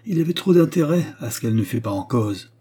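A man's voice: mid-range voice, animated, brisk, warm tone, slightly rough, pitched above the performer's own voice. A man reading aloud and voicing a proud, haughty queen who speaks with vehement scorn. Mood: indignant. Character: proud furious woman queen. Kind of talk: audiobook character reading.

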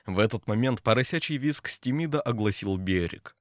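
A man narrating an audiobook with an expressive delivery. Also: medium pitch, normal speed, dry recording, studio quality. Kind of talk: scripted narration.

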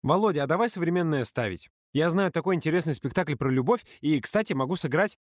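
A man's voice: fairly high pitch, expressive, quick pace, no room sound, studio quality, pitched above the performer's own voice. A man doing a pushy, wheedling teenage girl.

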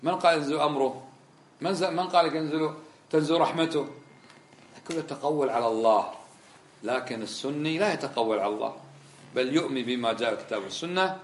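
A man's voice: on the high side, fast talker, reverberant, a little hiss or hum. A man teaching a religious lesson, emphatic and full of rhetorical questions. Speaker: Islamic scholar teaching a lesson.

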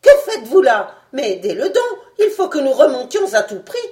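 Bossy, excitable scientist read by a woman, pitched up and loud, barking urgent orders in a storybook reading. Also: normal speed, roomy sound. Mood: commanding. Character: excitable male scientist, commanding and cool-headed.

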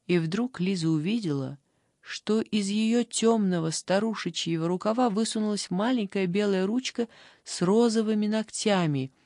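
A woman reading a fairy tale aloud as a calm, even audiobook narrator. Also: medium pitch, normal speed, no echo, clean studio sound. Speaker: audiobook reader. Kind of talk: scripted narration.

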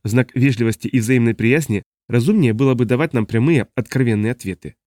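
A man's voice: medium pitch, quick pace, dark tone, no echo, studio quality, close to an everyday voice. A man doing a stern weary translator. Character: human translator among aliens, weary and stern.

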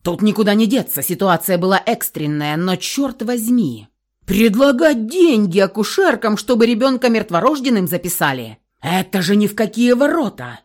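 A woman voicing an outraged male doctor who loudly scolds visitors in a hospital ward, in an audiobook reading. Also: medium pitch, big pitch swings, normal speed. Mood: indignant. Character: stern indignant male doctor, head of ward.

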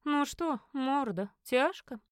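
A woman voicing a gruff but caring middle-aged investigator and father in an audiobook, stern with his son and gentle with a small creature. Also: high voice, lively intonation, slow, no room sound, studio quality, pitched above the performer's own voice. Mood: gruff-kind.

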